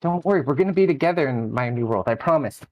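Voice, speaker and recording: A man's voice: medium pitch, animated, quick pace, lo-fi sound, lightly acted. A man voicing an obsessive, possessive villain in a tabletop game, menacingly reassuring like a slasher killer. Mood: possessively tender. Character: obsessive otherworldly male villain, possessively promising happiness. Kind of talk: tabletop role-play.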